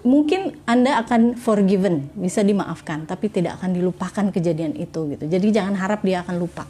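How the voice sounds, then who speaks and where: A woman's voice: mid-range voice, brisk, dark tone, slight background noise. A woman hosting a live Q&A on marriage, talking frankly and casually. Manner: frank, conversational, casual slang. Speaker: host.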